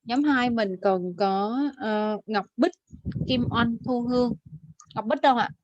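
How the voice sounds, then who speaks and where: A woman teaching an online English class over a video call, correcting pronunciation and modelling words slowly. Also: fairly high pitch, darkish tone, no echo, lo-fi sound.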